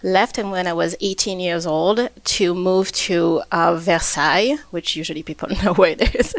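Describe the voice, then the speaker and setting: A woman's voice: on the low side, normal speed, no echo. A woman from Reunion Island with a French accent, speaking French as her first language, answering as a photographer on a podcast in a friendly, plain way. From Reunion Island, France. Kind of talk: interview conversation.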